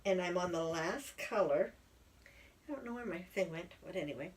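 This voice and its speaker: A woman's voice: on the low side, expressive, moderate pace. Chatty middle-aged woman, slightly distant mic. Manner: chatty, rambling with fillers. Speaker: podcast co-host, yarn dyer. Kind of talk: casual chat.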